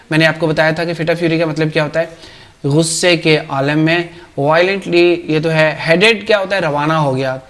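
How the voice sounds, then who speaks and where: A male teacher with a Pakistani accent and a fairly high voice works through a textbook passage. He reads the English lines slowly and carefully, then breaks into quick Urdu explanation. He keeps asking questions as if quizzing a class. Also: fairly bright tone. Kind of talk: textbook lesson, reading English and translating to Urdu.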